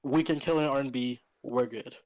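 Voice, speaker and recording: A man's voice: medium pitch, steady tone, moderate pace, a little mellow. A man from Canada chatting casually on a stream, laid-back and slangy. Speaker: guest. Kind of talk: casual chat.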